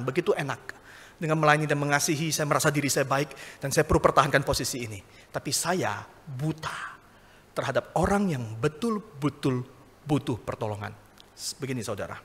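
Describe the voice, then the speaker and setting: Bright-voiced preacher in an echoey hall. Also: male voice, mid-range voice, breathy edge. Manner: conversational preaching, rising to emphatic peaks. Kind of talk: sermon. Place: church hall.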